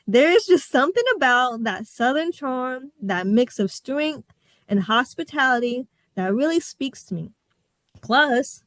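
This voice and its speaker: On her podcast, a young woman from the American Midwest chats casually and tells personal tales with frank, sassy energy. Her voice is fairly high, captured in a dry recording.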